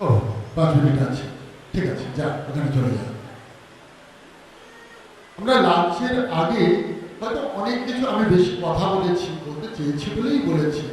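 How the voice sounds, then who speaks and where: Guy teaching a class, talks then sings bits to show how to say the words, high voice, far off, very echoey hall. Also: big pitch swings, normal speed, long pauses, darkish tone, slight background noise. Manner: explains word by word, breaks into singing to show pronunciation. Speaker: workshop teacher. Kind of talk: teaching talk to students, with sung examples.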